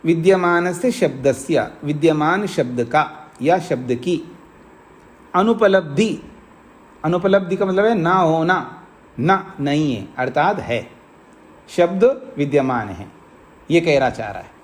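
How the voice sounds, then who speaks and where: A man with a high voice, teaching slowly and patiently. He reads Sanskrit sutras aloud and unpacks each line for his students in an ashram lecture. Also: expressive. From India. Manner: explains Sanskrit sutras line by line, slow and repetitive. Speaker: monk teaching Nyaya philosophy.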